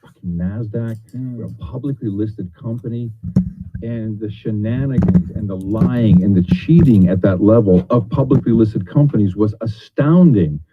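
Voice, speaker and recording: A man's voice: lowish voice, normal speed, slight background noise. A blunt, profane man speaking in a clip whose sound is played through a computer speaker and picked up again by a microphone. He restarts his sentences often. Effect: video audio played through a computer speaker and picked up again by a mic. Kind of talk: candid spoken remarks. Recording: muffled re-recorded speaker playback.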